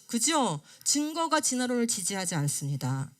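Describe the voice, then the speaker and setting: Middle-aged lady teaching a class, higher voice, swoops up and down a lot, keeps quizzing everyone. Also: moderate pace. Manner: asks the class questions and answers them herself; lively, rising and falling delivery. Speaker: creation science lecturer. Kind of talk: classroom lecture on a study book.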